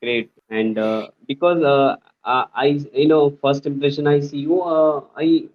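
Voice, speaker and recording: A man in his twenties with an Indian English accent, halting through a conversation practice as an English learner. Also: on the high side, fairly even intonation. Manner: hesitant, halting, many fillers and restarts. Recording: tinny phone-line call audio.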